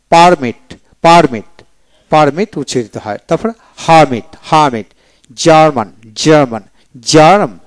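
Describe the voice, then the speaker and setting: A male teacher giving a video lecture on English pronunciation, spelling out each word letter by letter and then saying it slowly several times. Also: fairly high pitch, no room sound.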